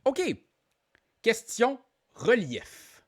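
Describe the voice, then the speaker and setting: Lively Québécois man hosting trivia. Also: extremely high pitch, drawn-out words. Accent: Québécois French. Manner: playful, jokey, repeats each question aloud. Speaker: trivia quiz host. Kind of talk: live online trivia hosting.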